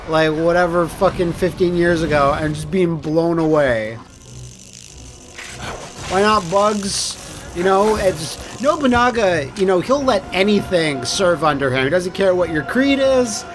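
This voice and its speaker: A man giving casual, excitable and jokey gameplay commentary, swearing freely. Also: high-pitched. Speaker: host of a video game playthrough. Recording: voice over game music. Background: game soundtrack music.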